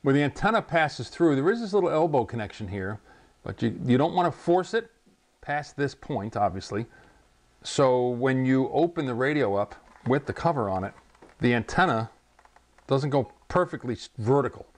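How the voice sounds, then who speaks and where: Animated and medium-pitched at a moderate pace, a ham radio channel host in his sixties chats casually while unboxing a radio in his home radio room. He rambles slightly and often chuckles, talking into a lapel mic for this casual unboxing vlog.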